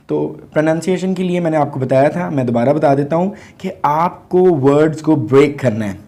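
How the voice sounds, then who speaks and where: A man's voice: on the high side, darkish tone. A man with a Pakistani accent teaching an English class, breaking words into letters and sounding them out, switching between Urdu and English. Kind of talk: classroom lesson explaining pronunciation and grammar.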